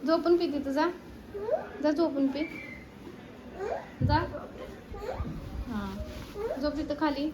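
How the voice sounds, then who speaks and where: A woman's voice: high-pitched, animated, slow pace, long pauses, a crowd in the background. A young woman with a Marathi accent filming a home vlog, coaxing and scolding her small children and chatting to viewers. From Maharashtra, India. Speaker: home vlogger and mother. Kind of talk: casual home vlog with kids. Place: home kitchen.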